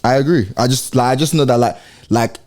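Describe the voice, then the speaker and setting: Young man, casual podcast co-host, rambling storyteller, dark warm tone. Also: mid-range voice, brisk. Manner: rambling, storytelling with quoted voices. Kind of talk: casual chat.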